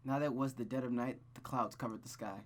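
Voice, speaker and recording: In a let's play, a man with a mid-range voice reads a visual novel aloud fast and with fairly even intonation. As host he often stammers and wanders off into rambling, self-deprecating asides in a casual way.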